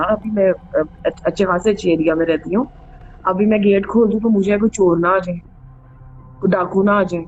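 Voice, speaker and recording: Chatty and casual, this true ghost story show host tells personal stories and drops in English phrases now and then. Her voice is medium-pitched and a little mellow. Background music sits under the dull, band-limited recording.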